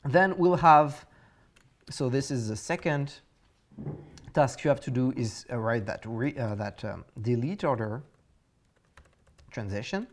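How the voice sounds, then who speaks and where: A man with a French accent teaches a programming course. He explains the assignment step by step, pausing often with fillers and restarting his sentences. His pitch sits in a middling range for a man. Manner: halting, many fillers and restarts. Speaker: course instructor.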